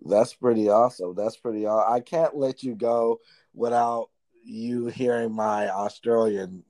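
A man's voice: fairly low pitch, steady tone, a little slow, darkish tone, no room sound. A man hosting an interview, chatty and encouraging toward his guest. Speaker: interview host. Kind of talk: casual interview chat.

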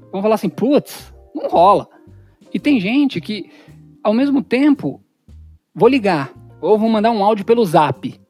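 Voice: mid-range voice, warm tone, slightly rough. A communication instructor giving an informal lecture. The speaker talks in a casual, slangy way and acts out everyday examples in changed voices.

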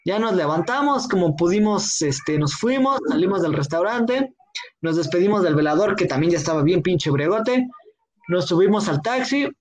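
A man with a Mexican accent telling a story in a slangy, relaxed way and acting out the lines of people in it. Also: high-pitched, moderate pace. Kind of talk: casual chat, telling a drinking anecdote.

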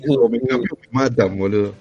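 A man's voice: medium pitch, quick pace, warm tone, slightly rough. A young man with a Rioplatense Spanish accent, casually telling school stories among friends in slangy, laughing talk. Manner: slangy, laughing, acts out voices in anecdotes. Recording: dull lo-fi recording.

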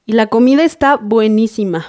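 Woman as shy thirty-year-old birthday girl, slightly high voice, sweet and sincere. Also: brisk, dark tone, close to an everyday voice. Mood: bashful. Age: 30s. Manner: bashful, sweet, then firm and pointed.

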